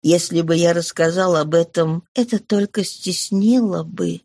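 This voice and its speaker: A woman voicing a frail, humble elderly man in an audiobook reading, speaking quietly and slowly. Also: on the low side, no echo. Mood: subdued. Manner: quiet, slow, subdued.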